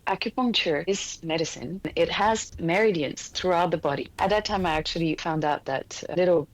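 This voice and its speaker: Low-voiced woman telling her healing path. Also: moderate pace, no echo, poor audio. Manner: earnest, explains with frequent restarts and small laughs. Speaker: energy healer guest. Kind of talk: casual interview conversation.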